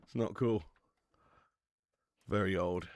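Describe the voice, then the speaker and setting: A man's voice: low voice, steady tone, slow pace, a little mellow, dry recording, clean studio sound. A man, hosting a football watch-along and bantering with chat, laughing and swearing freely. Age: 30s. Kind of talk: casual live-stream chat.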